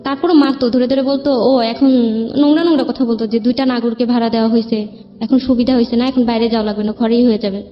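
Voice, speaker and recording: Talking fast in a highish voice with fairly even intonation, a Bangladeshi-accented woman shares her personal story in an interview. She rambles plainly and at length, often quoting what others said, over dull, band-limited audio with music behind her.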